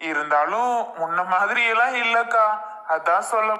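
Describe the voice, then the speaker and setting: Woman voicing a polite soft-spoken cartoon husband, bright tone, echoey room. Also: mid-range voice, animated, moderate pace. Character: mild young husband Arun. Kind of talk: cartoon voice acting.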